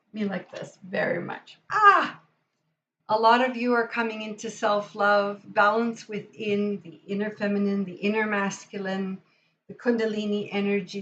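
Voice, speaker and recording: A woman's voice: mid-range voice, a bit bright, slight background noise. A woman hosting a live tarot reading, chatting with enthusiasm and speaking straight to her viewers. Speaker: tarot reader and livestream host. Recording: dull lo-fi sound.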